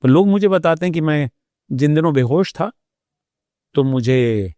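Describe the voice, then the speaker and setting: A man with a warm, mellow voice tells his own story as an interview guest. He pauses often and sounds reflective. The recording is dry and close, with no room sound. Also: a little high, lively intonation, no room sound. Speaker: doctor.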